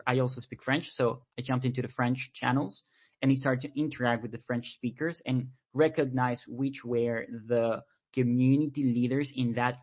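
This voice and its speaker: In a laid-back podcast conversation, the guest, a man from Venezuela and a native Spanish speaker, talks at medium pitch. He wanders as he speaks and repeats words while gathering his thoughts.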